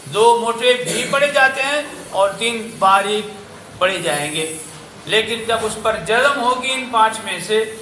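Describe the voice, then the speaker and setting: High bright-voiced Pakistani Quran teacher. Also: male voice, reverberant, poor audio. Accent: Pakistani Urdu. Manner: corrects pronunciation by repeating syllables, then chants verses slowly. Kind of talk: classroom tajweed drill. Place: madrasa classroom.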